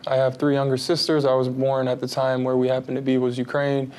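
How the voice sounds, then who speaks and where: A man in his thirties, raised in Texas, answering interview questions about his career and family in a relaxed, rambling way with many fillers. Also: medium pitch, brisk, smooth. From United States (Texas). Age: 30s. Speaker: basketball player, interview guest.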